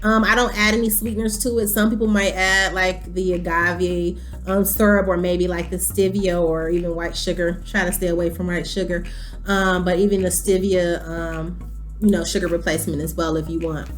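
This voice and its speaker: A woman in her thirties chatting casually to camera as a vlogger, animated and full of ums. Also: on the low side, moderate pace. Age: 30s.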